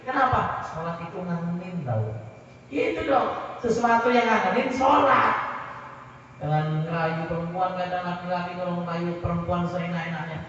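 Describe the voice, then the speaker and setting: Javanese male preacher, high voice, animated storyteller; booming hall sound from afar, dull and lo-fi. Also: moderate pace, a little hiss or hum. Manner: animated storytelling, rhetorical questions to the audience. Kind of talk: lively sermon. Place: large hall at a religious gathering. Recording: echoey hall recorded from far off, dull.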